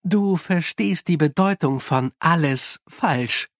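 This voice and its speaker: An audiobook narrator voicing a quiet, earnest young man. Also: fairly high pitch, slow pace, no echo, clean studio sound.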